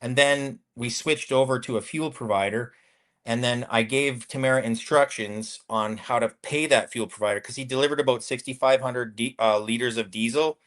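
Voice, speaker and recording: Man in his fifties, interview guest, rambling storyteller, loose and halting. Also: medium pitch, a bit bright. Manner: rambling, many restarts and fillers. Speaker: guest, former convoy accountant.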